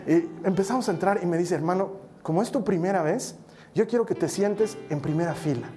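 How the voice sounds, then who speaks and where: A man's voice: high voice, fairly quick, dark tone, faint music behind. Bolivian guy preaching, middle-aged, telling his own testimony story, does little voices for people he quotes. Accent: Bolivian Spanish. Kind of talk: sermon with personal testimony.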